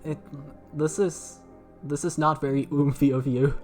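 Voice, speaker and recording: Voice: medium pitch, steady tone, measured pace, darkish tone, faint music behind. A speedrun commentator hosting a live race, reading chat and teasing the co-host. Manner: playful, teasing.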